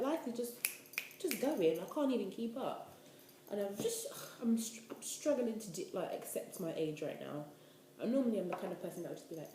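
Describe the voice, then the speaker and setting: Recording a casual talking-head vlog in an echoey room with slight background noise, a twenty-year-old woman rambles on, leaning heavily on "like." Her voice is on the high side and mellow.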